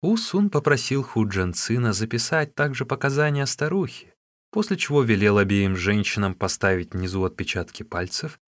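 A man narrating an audiobook in a measured, expressive reading. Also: fairly low pitch, dry recording, studio quality.

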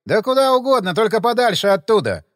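A man's voice: high voice, very animated, a little fast, no room sound, clean studio sound, pitched above the performer's own voice. A man voicing a blunt, wary male villager who speaks in a folksy, urgent way.

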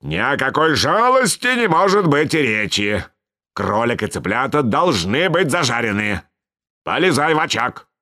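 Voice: mid-range voice, sing-song, normal speed. A narrator voicing a bad-tempered puppet master who bellows and sneezes. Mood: angry bellowing. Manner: shouting, sneezing fits.

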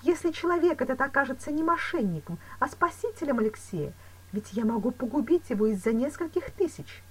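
A woman reading an audiobook voices an anxious young woman in love, with a slightly husky voice and raised, breathless exclamations. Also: high-pitched, animated, a little fast, voice pushed up, low-quality recording. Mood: determined. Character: anxious young woman, lover pleading and frightened.

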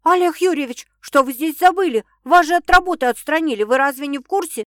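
A woman's voice: high-pitched, fairly quick, a bit bright, dry recording, studio quality, pitched above the performer's own voice. A woman voicing a cautious young female coworker in an audiobook. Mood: reproachful. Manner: cautious, reproachful.

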